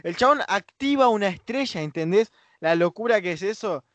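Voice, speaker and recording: An enthusiastic Rioplatense man co-hosts a casual podcast and trips over his words as he gushes. His voice is slightly high. The recording is dry and close. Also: lively intonation, normal speed, a bit bright, no echo. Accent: Rioplatense Spanish. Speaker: podcast co-host.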